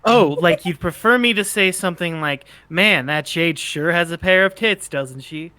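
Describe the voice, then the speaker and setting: Man playing bright, snarky teenage bird-boy sprite. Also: on the high side, normal speed, dry recording. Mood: exasperated teasing. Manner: casual slangy rambling, stammering. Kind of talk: amateur fan fiction read-aloud, character dialogue.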